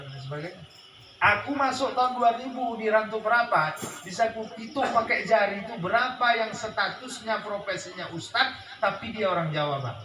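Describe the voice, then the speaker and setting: A man preaching a lively sermon to a village audience, jumping from quiet asides to shouted points and joking with the crowd. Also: high-pitched. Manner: animated, swings from soft asides to shouted points, jokes with the crowd. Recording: echoey room with faint background noise.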